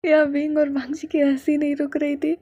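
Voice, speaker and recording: A woman storyteller reads a fan story aloud in a steady, plain voice. Her pitch sits on the higher side, and her tone is mellow and warm. The sound is close and dry. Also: fairly quick, no echo, highs cut off.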